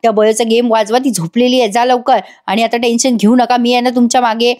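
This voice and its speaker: A woman voicing a scheming middle-aged man who smoothly reassures an accomplice. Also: fairly high pitch, flat delivery, quick pace, a little mellow, close to an everyday voice.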